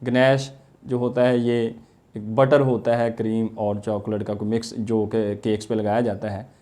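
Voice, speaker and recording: A man teaching English pronunciation in an Urdu lecture, slowly drawing out each word he models. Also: on the low side, flat delivery, warm tone. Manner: slow, drawn-out model pronunciations of words.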